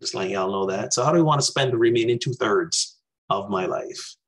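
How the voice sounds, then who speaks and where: A minister in his forties from Barbados gives an earnest, reflective talk over a video call from a small room, picked up by his webcam. His fairly low voice moves at a fairly quick pace.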